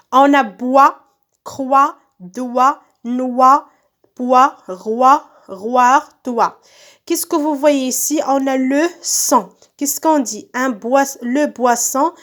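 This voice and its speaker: Slow, high-voiced woman teacher. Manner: slow, stretched-out words repeated for children. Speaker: primary school teacher. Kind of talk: recorded home lesson for young pupils. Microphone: phone.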